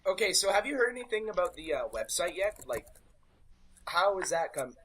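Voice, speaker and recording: A woman's voice: fairly low pitch, sing-song, brisk, fairly bright tone, slightly rough. A young woman chatting casually on a podcast with friends. She is blunt and jokey and keeps insisting on her point. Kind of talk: casual chat.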